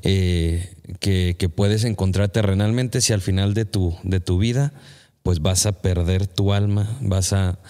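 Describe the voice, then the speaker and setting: A man hosts a church podcast in a lowish, steady voice. He speaks reflectively, quotes scripture, and turns to address the listeners directly. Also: a little slow. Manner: reflective, quotes scripture, gives frequent affirming "ujú". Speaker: podcast host.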